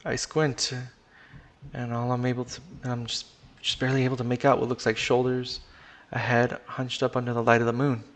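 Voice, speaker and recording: A man's voice: mid-range voice, monotone, fairly quick. A man reading a first-person story aloud on a stream, casual in tone, swearing now and then and restarting sentences.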